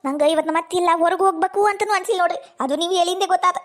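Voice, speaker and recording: A woman's voice: very high voice, steady tone, rapid-fire. A woman voicing an overworked young village daughter-in-law in a comic cartoon, with a North Karnataka accent and a chatty, exclaiming manner. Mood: grateful. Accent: North Karnataka Kannada.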